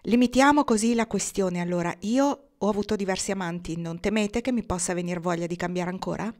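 A woman's voice: medium pitch, fairly quick, darkish tone, lightly acted. A woman voicing a frank, spirited young woman in an audiobook, speaking earnestly and directly.

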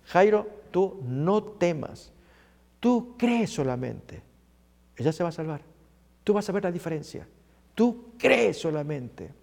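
Man doing a calm reassuring Jesus, slow deliberate words, high voice, long hall echo. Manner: slow, deliberate, comforting commands.

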